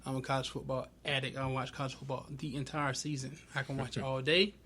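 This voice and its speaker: Man, colloquial conversational delivery, mid pitch, faint background noise. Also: flat delivery, fast talker, bright, forceful tone. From small town in Georgia, US. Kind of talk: casual group discussion.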